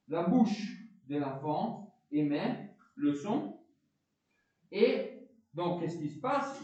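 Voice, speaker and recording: A philosophy teacher with a foreign accent, lecturing a class with animated delivery, often stopping to ask students questions and repeating words. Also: male voice, sits high, heavy reverb, recorded from a distance, lo-fi sound. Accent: foreign accent in French.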